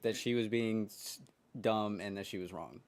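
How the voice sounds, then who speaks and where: Low-voiced man chiming in dryly. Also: moderate pace, a little mellow, smooth. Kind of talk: casual chat.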